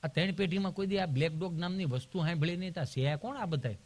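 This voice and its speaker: A middle-aged man telling a comic folk story, acting out voices with a rustic, animated manner. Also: on the high side, fast. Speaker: stand-up comedian.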